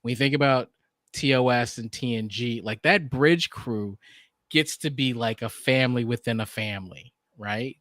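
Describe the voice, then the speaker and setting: A man's voice: mid-range voice, a bit bright, no room sound, studio quality. A man co-hosting a podcast, chatting casually about an episode, often restarting his sentences. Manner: halting, with frequent restarts and um's. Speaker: podcast co-host. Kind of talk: casual review chat.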